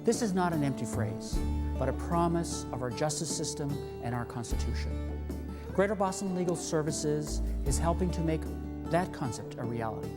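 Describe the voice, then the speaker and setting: A legal aid staff member from Peru reading a measured, earnest scripted appeal. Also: medium pitch, lively intonation. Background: loud guitar music.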